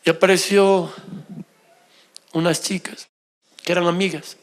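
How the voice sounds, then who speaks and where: Man, pastor, sermon, high pitch, gravelly, emotional, middle-aged. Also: little pitch movement, a little slow. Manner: emotional, shifts between loud exclamations and soft confessional tones.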